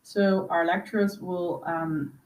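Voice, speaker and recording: A woman's voice: lowish voice, steady tone, slow, a little mellow. A woman hosting a webinar for prospective students, explaining step by step with frequent fillers over a video call. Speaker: host. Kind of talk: webinar presentation. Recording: roomy distant mic with faint noise.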